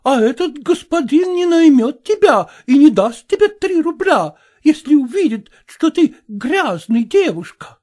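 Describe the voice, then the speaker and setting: A man's voice: very high-pitched, sing-song, measured pace, hardly any pauses, darkish tone, pitched above the performer's own voice, heavily acted. A man doing a fussy foreign mistress with broken speech. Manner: fussy, exclaiming. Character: fussy foreign lady, middle-aged mistress. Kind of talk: audiobook character voice.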